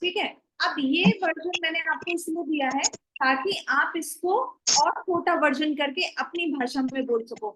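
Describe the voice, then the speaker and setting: A woman with a high voice teaches a class online, talking into a computer mic. She moves between Hindi and English as she explains points and tells the class what to do. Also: moderate pace, few pauses, a bit bright, slight background noise, rough recording. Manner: mixes Hindi and English, gives instructions.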